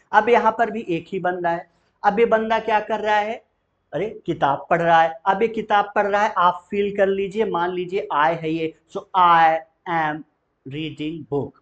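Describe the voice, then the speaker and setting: Man, English teacher, drawn-out example sentences, quizzing questions, very slow pace. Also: a little high, a bit bright, lo-fi sound. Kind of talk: spoken English lesson.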